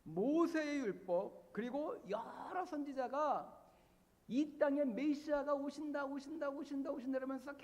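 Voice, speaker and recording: A man's voice: very high-pitched, a little slow, a little mellow. A man preaching a sermon as pastor, emphatic and repeating key words for stress. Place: church sanctuary. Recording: long church-hall reverb.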